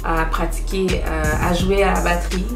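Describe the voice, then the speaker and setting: A woman's voice: fairly low pitch, moderate pace, creaky. Chatty young Québécoise woman vlogging. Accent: Quebec French. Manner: animated, chatty, mixes in English words. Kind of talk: casual chat to camera. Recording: echoey room with music behind.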